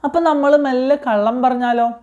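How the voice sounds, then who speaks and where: A woman teaching a religious story to children, patient and slow, asking them questions and repeating the answers. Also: sits high, steady tone, a little mellow, lo-fi sound.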